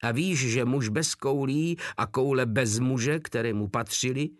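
A man's voice: medium pitch, dry recording, studio quality, pitched above the performer's own voice, lightly acted. A man voicing a cocky male veteran soldier who makes crude threats. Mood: threatening.

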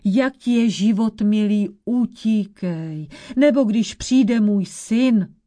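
A woman voicing a hunched old witch in a folk tale, speaking slowly and gravely like a worried grandmother. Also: medium pitch, mellow, natural voice. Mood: grave warning. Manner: slow, warning, grandmotherly. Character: old hunched witch Ježibaba, female, caring but grave.

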